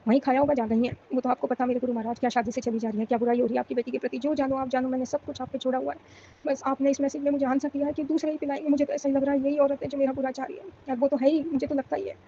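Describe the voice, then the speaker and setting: A woman's voice: high-pitched, level tone, rapid-fire, dark tone, dull audio, a little hiss or hum. A middle-aged woman from Rajasthan giving an emotional, pleading devotional testimony and prayer. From Rajasthan, India.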